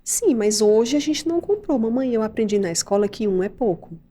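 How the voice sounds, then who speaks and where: A woman's voice: fairly high pitch, animated, brisk, dark tone. A woman voicing a pestering little girl who pleads and argues with her mother. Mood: pleading.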